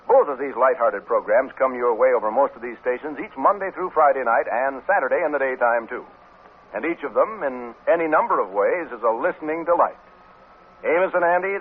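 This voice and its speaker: A man with a mid-range, slightly rough voice reads scripted promotional announcements in the upbeat, polished manner of a 1950s radio announcer. The audio is muffled and narrow-band, like a radio recording from that era.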